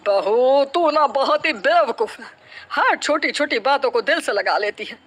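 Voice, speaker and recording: Lady playing a sweet motherly saas in a cartoon, soothing, bouncy high voice. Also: lively intonation, a little slow, a bit bright, a little hiss or hum. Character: kind, gentle older mother-in-law. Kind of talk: cartoon voice acting.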